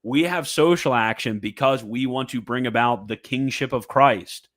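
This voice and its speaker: A man's voice: mid-range voice, normal speed, a bit bright. A man giving fervent, emphatic commentary, reading a religious text aloud and reacting with repetition and mocking asides.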